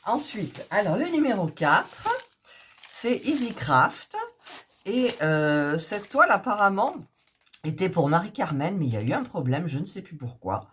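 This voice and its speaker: Chatty woman with a lively voice. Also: on the low side, a little slow, a little hiss or hum. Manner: chatty, hesitant, many fillers and restarts. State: sick, coughing. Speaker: hobby vlogger showing diamond painting kits. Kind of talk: casual chat to subscribers.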